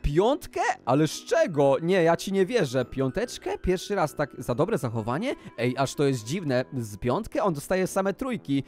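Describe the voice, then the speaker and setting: A man narrates a game role-play in an excitable, exclamatory way, his voice sitting high and leaping up and down in pitch. He keeps turning to address his viewers directly. Soft music runs faintly underneath. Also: moderate pace, hardly any pauses. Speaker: gaming YouTuber. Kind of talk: Minecraft role-play commentary.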